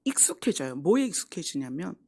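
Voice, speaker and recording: At a Friday prayer meeting in the church sanctuary, a middle-aged woman pastor preaches conversationally in a lowish voice, very animated and brisk. She performs quoted lines and drops into soft asides.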